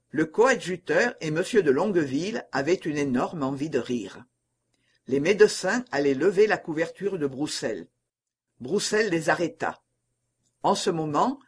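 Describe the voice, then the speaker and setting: A man narrating a classic novel as an audiobook in a measured, even way. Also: on the high side, husky.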